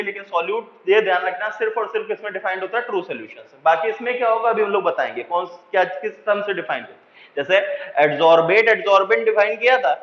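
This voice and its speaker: A man with a high voice teaches chemistry, stopping again and again to check that his students follow and slowing right down to dictate key lines. The sound is dull and lo-fi. It rings with a long echo, as if recorded in a bare classroom. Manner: keeps checking understanding with repeated questions; mixes in English phrases, slows to dictate definitions. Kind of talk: classroom lecture.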